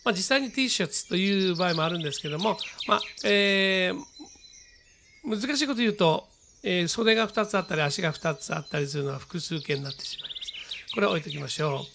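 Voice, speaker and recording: Man, Japanese accent, raspy high voice, slow careful example reading, faint birdsong and hiss behind. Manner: explains patiently, slow deliberate model readings. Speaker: English teacher. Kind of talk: radio-style English lesson.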